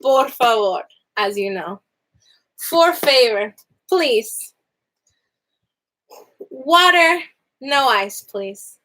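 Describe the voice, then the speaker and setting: In a relaxed online lesson, a woman in her young adult years walks through easy Spanish phrases with animated chatter, frequent laughter, and a voice that glides up and down. Her pace is very slow, with long pauses, and the audio quality is poor.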